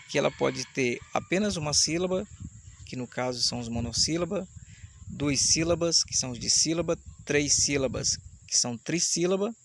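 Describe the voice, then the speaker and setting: A man teaching an online Portuguese grammar lesson, explaining step by step and slowing down to sound out syllables. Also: on the high side, vocal fry, a bit bright, slight background noise. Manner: explanatory, slows down to spell out syllables. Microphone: camera mic, camera switched off.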